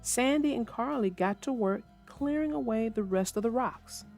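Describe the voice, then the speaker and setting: A woman with a slightly high voice and some vocal fry reads aloud and chats theatrically for young children at a normal speed, speaking straight to her young readers. Her tone is a little mellow, and soft music plays in the background.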